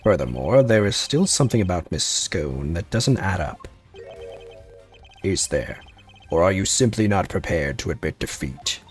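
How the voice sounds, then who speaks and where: A haughty game prosecutor, acted out by a man in a low register. He is cold, formal and scornful, delivering accusations with pompous authority. Faint music plays underneath. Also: very animated, unhurried. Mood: smug challenge.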